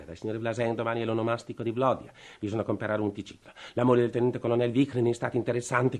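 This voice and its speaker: An actor playing a desperate, worn-out middle-aged state official with a breathless, pleading manner, in 1950s radio drama. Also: male voice, mid-range voice, a little mellow. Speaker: worn-out family man begging for a revolver.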